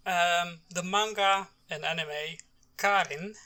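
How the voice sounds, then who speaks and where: A man's voice: high-pitched, takes it slowly, pushed and bright. A man whose first language is Dutch, in casual discussion.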